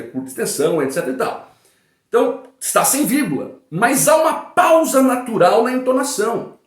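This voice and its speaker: A man gives an online grammar lesson in a fairly high voice that rises and falls a great deal. He keeps checking whether his listeners follow, and he draws out his example sentences slowly. The sound is roomy and echoey. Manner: didactic, checks understanding with frequent "né?" and "tá bom?". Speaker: Portuguese grammar teacher.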